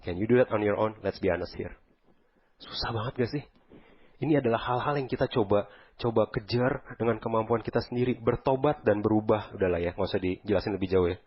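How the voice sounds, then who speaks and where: Pastor, male, low husky voice, chatty bilingual sermon, muffled church audio. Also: a little fast. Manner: conversational preaching, mixing Indonesian and English. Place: church hall.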